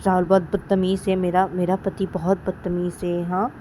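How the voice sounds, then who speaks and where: A woman's voice: on the low side, level tone, moderate pace, warm tone, a little hiss or hum, lightly acted. Brief: woman playing a cheeky young wife, needling her sister with question after question. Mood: teasing. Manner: teasing, prodding with repeated questions.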